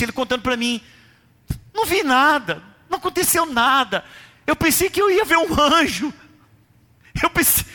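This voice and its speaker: A man preaching a sermon as pastor, passionate and often shouting. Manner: impassioned, often shouting and rising in pitch. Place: church sanctuary. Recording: long reverb of a large hall.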